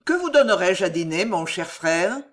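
A reader voicing a fawning, gluttonous friar who pleads eagerly and loudly, with a raised voice. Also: medium pitch, very animated, moderate pace, natural voice. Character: deferential, gluttonous male friar.

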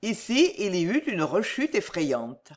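An animated narrator reads a classic novel aloud. The pitch moves a lot and the delivery is expressive. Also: unhurried. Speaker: audiobook narrator. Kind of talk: literary audiobook narration.

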